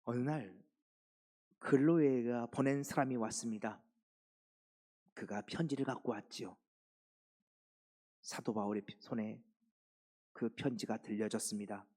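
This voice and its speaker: A man's voice: mid-range voice, unhurried, long pauses, warm tone. A man in his fifties, a pastor preaching a sermon and posing questions to his congregation.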